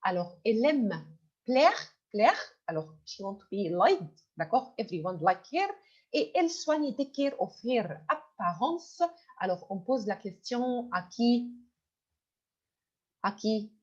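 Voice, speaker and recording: This woman's voice is a little high, husky and sing-song, and she takes it slowly as she teaches an online French class. She patiently repeats and explains words, often switching to English, and the sound is dull and lo-fi.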